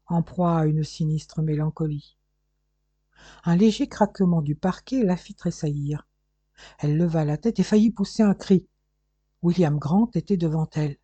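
Dark, husky audiobook narrator. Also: mid-range voice, no echo. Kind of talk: reading a classic adventure novel aloud.

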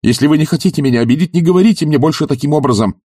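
A man's voice: on the high side, very fast, warm tone, slightly rough, no room sound, studio quality, pitched above the performer's own voice. A man voicing an earnest, devoted young doctor who pleads passionately and drops to urgent whispers. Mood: fervent.

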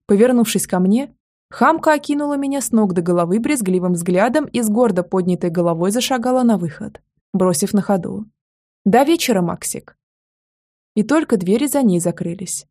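A woman narrating a novel in the first person with a lively, expressive reading. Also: mid-range voice, fairly quick. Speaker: audiobook narrator.

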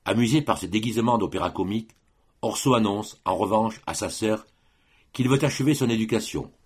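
Male audiobook reader, deep-ish and slightly hoarse, steady literary narration. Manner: measured, even storytelling.

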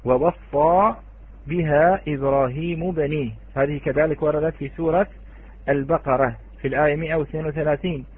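A man's voice: a little high, fairly even intonation, brisk, husky, dry recording. A man teaching an online Quran recitation lesson, patiently quizzing students and chanting the example words. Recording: tinny phone-like online audio.

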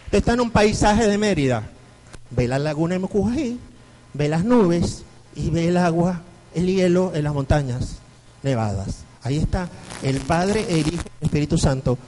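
Animated Venezuelan priest lecturing. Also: male voice, on the high side, normal speed, slight background noise, rough recording. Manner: animated storyteller, acts out quoted voices. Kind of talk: lecture to a parish group.

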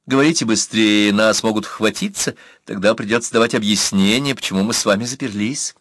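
A man voicing a young noblewoman who answers with sharp, indignant scorn. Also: fairly low pitch, a little fast, dry recording, clean studio sound. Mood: scornful.

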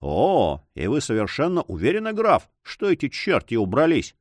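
A man's voice: medium pitch, huge pitch swings, moderate pace, no room sound. An eager, proud landowner who bursts out in exclamations, his voice swinging up and down. A man voices him in an audiobook. The recording is dry and close. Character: excitable older Spanish landowner, proud.

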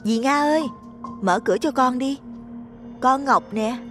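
An actress playing a calm, caring young daughter-in-law. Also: female voice, high-pitched, measured pace, big-room sound, over music. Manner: soothing, patient.

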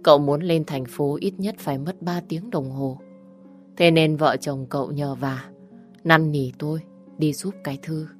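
Low-voiced young woman narrating a story. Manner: calm, steady storytelling. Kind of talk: first-person audio story narration.

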